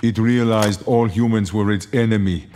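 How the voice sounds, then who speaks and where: An actor playing an emotionless male cyborg who speaks in a flat, clipped, smooth machine-like way in video game dialogue. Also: lowish voice, normal speed, noisy background, close to an everyday voice. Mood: cold.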